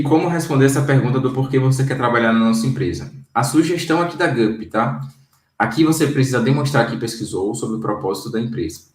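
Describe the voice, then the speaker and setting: A man in his own casual video lesson, coaching viewers on job interviews. He speaks directly and conversationally at an average pitch for a man, often pausing to check that his listeners follow. His voice sits a little back from the microphone in a roomy space. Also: recorded from a distance. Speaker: career coach.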